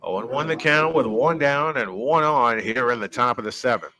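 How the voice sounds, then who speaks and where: A man calling live baseball play-by-play at a high school ballpark in a chatty, jokey, old-school style. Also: normal speed, pushed and bright. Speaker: play-by-play announcer.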